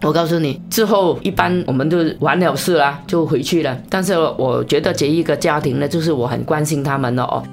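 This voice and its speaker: Female evangelist, interview storyteller, low-set voice with wide animated swings, faint music bed. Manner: animated, with big pitch swings and quick, repeated phrases.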